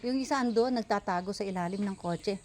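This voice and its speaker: A woman's voice: medium pitch, a little fast. A woman vlogging while she feeds her dogs outdoors at a rural home, out of breath and chatty, calling to each dog by name. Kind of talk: casual vlog, talking while feeding dogs.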